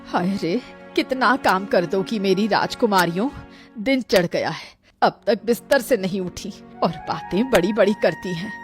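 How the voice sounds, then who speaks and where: A woman's voice: medium pitch, unhurried, faint music behind, close to an everyday voice. A woman voicing a nagging old grandmother. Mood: scolding. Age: older. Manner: nagging, dramatic. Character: scolding grandmother of five girls.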